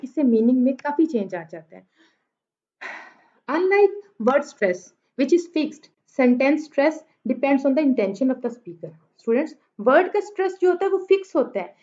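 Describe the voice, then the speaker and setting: High-voiced woman teaching a lecture. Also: a little mellow, muffled recording. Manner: explains slowly, repeating examples and stressing words. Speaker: literature teacher. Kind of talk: lecture in Urdu mixed with English.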